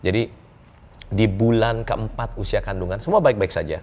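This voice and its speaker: Low-voiced joking business coach. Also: male voice, normal speed. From Indonesia. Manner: lively, joking storyteller who chuckles often and slips in English words. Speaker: business coach, interview guest. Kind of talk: casual interview storytelling.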